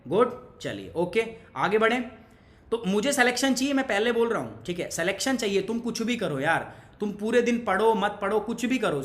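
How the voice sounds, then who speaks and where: A man's voice: high voice, a bit bright. Chatty male teacher in an echoey room. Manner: chatty, switches between Hindi and English, asks the class questions; pushy, motivational asides to students. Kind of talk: online exam-prep lecture.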